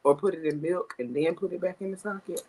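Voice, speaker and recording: A podcast co-host in casual chat, playful, with quick asides and reactions. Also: medium pitch, darkish tone.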